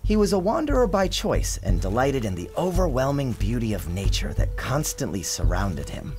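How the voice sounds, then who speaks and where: Music and sound design accompany an author reading his children's storybook aloud as a theatrical narrator. He uses a mid-range voice at normal speed and tells the story expressively.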